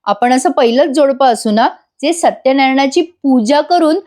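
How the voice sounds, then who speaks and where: A woman's voice: sits high, moderate pace, natural voice. A woman voicing a playful, impulsive young woman who teases her husband and mixes in English phrases. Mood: teasing. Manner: teasing, excitable, mixes in English.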